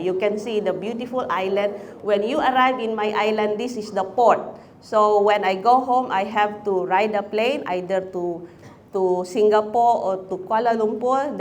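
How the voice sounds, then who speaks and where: A woman's voice: medium pitch, slight background noise. A woman from the Philippines giving a chaplaincy talk, chatty, asking the audience questions. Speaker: chaplaincy speaker.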